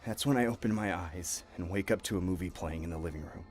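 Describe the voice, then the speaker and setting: A man's voice: low voice, quick pace, a little mellow. A man narrating a scripted horror story in a tense, dramatic manner.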